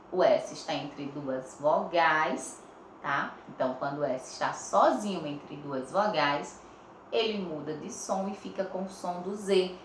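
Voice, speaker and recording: Slow, patient Brazilian woman teacher. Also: on the low side, echoey room, slight background noise. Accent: Brazilian Portuguese. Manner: slow, stretches out words syllable by syllable; checks in often with "tá?" and "ok?". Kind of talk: online lesson for young pupils. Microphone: phone.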